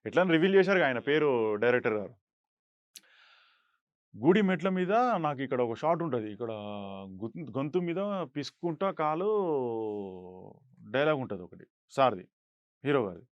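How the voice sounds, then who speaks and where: A man's voice: fairly high pitch, lively intonation, moderate pace, long pauses, no echo, lo-fi sound. A young man, an actor guest telling stories in an interview and acting out quoted lines in a raised voice. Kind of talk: animated storytelling interview.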